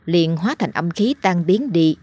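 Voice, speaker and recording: A woman narrating a horror story in a steady, dramatic way. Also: on the low side, moderate pace, husky. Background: faint music.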